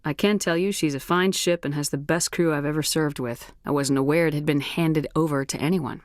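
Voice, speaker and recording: Female military commander for a game, played by an actress: low register, clipped, no-nonsense authority, very dry recording. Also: steady tone, a little fast, no room sound, close to an everyday voice. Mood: composed, formal. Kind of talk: video game dialogue acting.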